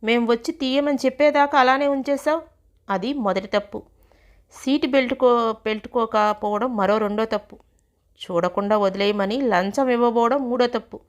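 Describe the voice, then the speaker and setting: A woman's voice: fairly high pitch, moderate pace, highs cut off, lightly acted. A woman voicing a stern male traffic policeman who barks orders and rebukes a driver in a storybook reading.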